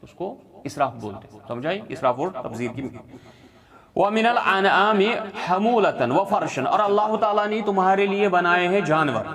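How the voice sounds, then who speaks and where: A man's voice: high-pitched, animated, few pauses, a crowd in the background. A male teacher giving a Quran lesson, reciting Arabic verses and explaining each one in plain terms, often checking that listeners follow. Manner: recites Arabic verses, then explains them in Urdu with frequent checks like "theek hai".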